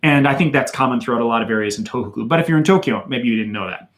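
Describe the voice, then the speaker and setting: A man in his thirties from Madison, Wisconsin, USA, with an American accent, hosts a livestream and answers viewer questions, reading them out. He's chatty and loose, with many fillers. His mid-range voice races along.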